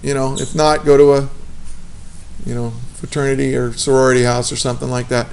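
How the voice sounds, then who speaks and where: A man's voice: mid-range voice, level tone, a little fast, creaky, darkish tone, slight background noise. A man teaching a physics class, casual and chatty, often checking in with the students. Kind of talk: classroom lecture.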